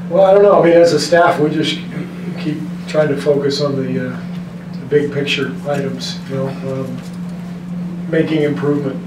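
Coach guy at a press conference, steady kinda flat delivery, lots of restarts, sounds far from the mic in an echoey room w some noise. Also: medium pitch. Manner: measured, frank, many restarts and fillers. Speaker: basketball head coach. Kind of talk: post-game press conference answers. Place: press room in front of a team backdrop. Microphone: desk mic on a stand, recorded from the room.

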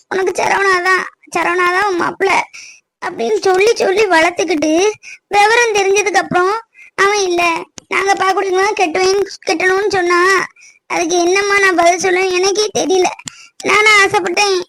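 A woman's voice: very high voice, a bit bright, no echo. A woman voicing a young, lovestruck village daughter in a cartoon, distressed and tearful. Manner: distressed, crying, pleading. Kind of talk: cartoon voice acting.

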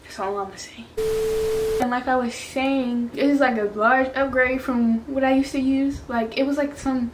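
A young woman talks casually to her viewers from home, her voice sitting a little on the high side. She rambles in a chatty way, scattering "like" through her sentences, with faint background noise under her voice. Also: steady tone, normal speed, few pauses. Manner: chatty, heavy use of filler "like". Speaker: beauty vlogger. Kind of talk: casual chat to camera.

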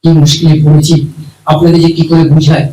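A man voicing a flustered grown man puppet, speaking lower and gruffer than his own voice, insisting and correcting. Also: level tone, a little fast, mellow, lightly acted. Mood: exasperated. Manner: exasperated, insistent. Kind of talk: live puppet show voice. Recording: roomy, distant with music.

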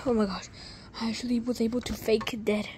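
Woman playing a game and chattering, kinda high voice, excitable, noisy mic. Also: normal speed. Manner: excitable, swears, drops to whispers while hiding. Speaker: gamer. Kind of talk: casual gameplay commentary.

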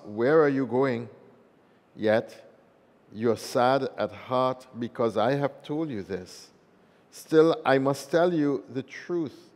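A man's voice: mid-range voice, darkish tone. Priest guy with long cathedral echo, chatty homily, some ums and restarts. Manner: plain, conversational, with fillers and restarts. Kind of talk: gospel reading and homily. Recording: long echo of a large church.

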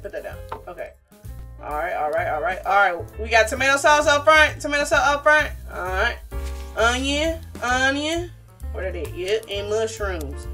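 A woman's voice: medium pitch, fairly bright tone, distant mic. A young woman giving casual, slangy gameplay commentary, animatedly talking to herself and to her viewers. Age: young adult. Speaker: gaming streamer.

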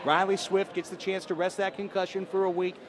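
A man interviewing players and a coach on an arena floor after a game, asking brisk questions full of stats. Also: high voice, little pitch movement, a crowd in the background. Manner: brisk, stat-heavy questions. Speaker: sports reporter. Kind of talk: postgame field interviews. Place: indoor soccer arena floor.

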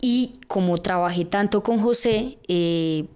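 Podcast guest: a young Colombian woman, a middle-pitched voice, chatty storyteller who acts out the people she quotes. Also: takes it slowly, clear, resonant tone. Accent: Colombian Spanish. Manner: lively narration full of fillers, with acted-out quotes. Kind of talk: personal storytelling in a podcast interview.

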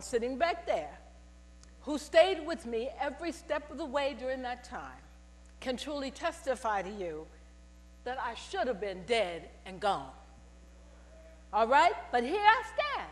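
An older church speaker in a purple robe testifies from the pulpit in an unhurried voice that sits high. She tells stories with animation and calls out to the congregation for responses, while her headset mic records long reverb and a hum from the mains.

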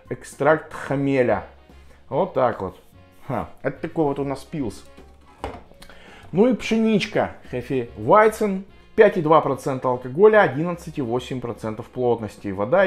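Мужчина, непринуждённый обзор, на фоне музыка. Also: male voice, fairly high pitch. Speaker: beer review vlogger. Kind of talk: casual review chat to viewers. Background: music.

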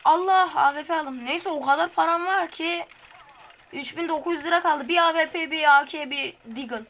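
A woman, hosting a gaming video with casual gameplay commentary. She chats straight to the viewers and bursts into high, frustrated yelps. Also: normal speed, sharp tone. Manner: talks straight to viewers, colloquial.

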